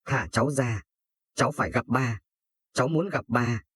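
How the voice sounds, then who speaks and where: A man's voice: mid-range voice, moderate pace, a bit bright, breathy edge, no room sound. A man voicing a frightened, grieving thirteen-year-old girl who stammers through her tears. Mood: distraught. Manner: stammering, tearful pleading.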